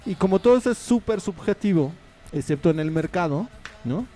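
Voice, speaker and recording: A man from Mexico, his voice sitting high, animated, brisk and warm, runs a casual community radio show. He chats on air in a rambling manner, full of asides and fillers, with faint music in the studio background.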